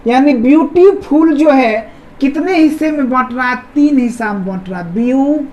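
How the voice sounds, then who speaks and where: A woman's voice: sits high, animated, moderate pace, a little mellow, lo-fi sound. A woman teaching an English grammar lesson who repeats key words and keeps asking her viewers questions. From India. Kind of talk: explaining a lesson.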